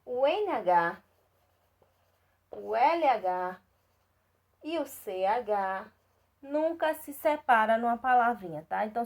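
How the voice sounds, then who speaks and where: A woman with a Brazilian Portuguese accent teaching a class of young children, patiently spelling out syllables and checking that they follow. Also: a little high. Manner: patient, repeats and checks in with "tá certo?"; spells out syllables slowly and clearly. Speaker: primary school teacher. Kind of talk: recorded remote lesson for young children.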